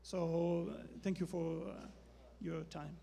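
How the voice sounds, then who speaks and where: A man asking a halting question from the floor at a panel, with many pauses. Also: on the high side, level tone, gravelly, mellow. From Afghanistan. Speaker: audience member asking a question. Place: conference hall. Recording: long reverb in a conference hall.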